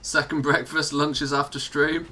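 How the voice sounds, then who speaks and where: Bright-voiced English streamer chatting. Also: male voice, a little high, flat delivery, unhurried. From England. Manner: chatty, self-mocking, laughs often. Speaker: live streamer. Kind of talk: casual live-stream gameplay chat.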